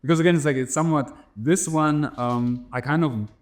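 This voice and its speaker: In a relaxed interview, a man in his thirties, a DJ from Germany and Namibia, spins rambling anecdotes about his record collection, full of restarts and "right?" tags. His slightly German-accented voice is on the high side and brisk.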